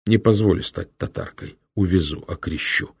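A man's voice: low voice, moderate pace, breathy edge, dry recording, heavily acted. A man voicing a grim young prince bent on vengeance, speaking sternly in an audiobook. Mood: tender. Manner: stern, heavy-hearted speech. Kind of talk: audiobook character voice.

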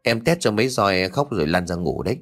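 A worried young village wife speaks softly and anxiously, as a man reading the story voices her. The voice sits fairly low but moves through lively rises and falls. She belongs to a spoken ghost-story audiobook. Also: a little fast, lightly acted. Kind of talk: audiobook character voice.

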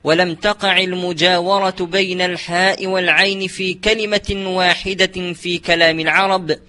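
Bright, flat-toned man reading a tajweed text. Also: sits high. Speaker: student reciting and reading.

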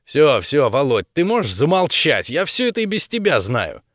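A man's voice: a little high, huge pitch swings, moderate pace, fairly bright tone, no room sound, clean studio sound, heavily acted. A man voicing a cocky, impatient teenage boy who speaks in a brash, mocking way.

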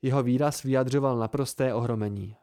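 A man reading a novel aloud in the first person with a measured, even delivery, recorded at home close to the mic. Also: mid-range voice. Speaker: amateur audiobook reader. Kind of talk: first-person audiobook narration.

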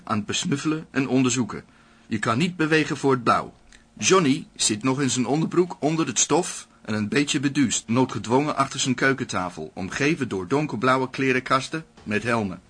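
A man narrating a screenplay aloud in a calm, measured reading, including stage directions. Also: medium pitch, slightly rough.

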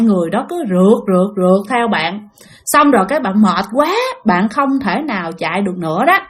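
Southern Vietnamese woman telling ghost stories. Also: mid-range voice. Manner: conversational, addresses listeners directly. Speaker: storyteller. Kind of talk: spoken ghost-story narration.

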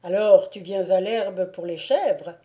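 A woman voicing a gruff male noble wolf-hunter, loud, teasing and commanding, in a storybook reading. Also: medium pitch, takes it slowly, lightly acted. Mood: teasing, bluff.

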